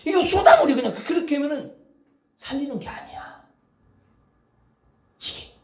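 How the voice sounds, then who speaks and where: Lively, high-voiced pastor preaching in an echoey church. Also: male voice, normal speed. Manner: animated preaching, swinging between hushed murmurs and loud outbursts; coaxes the congregation with call-and-response. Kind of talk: sermon. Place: church sanctuary.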